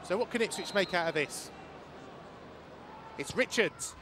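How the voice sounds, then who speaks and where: A man giving live play-by-play football commentary in an excitable manner that can rise to shouts. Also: sits high, measured pace. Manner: excitable, rising to shouts at key moments. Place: outdoor football stadium. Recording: loud crowd noise over live commentary. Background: loud stadium crowd.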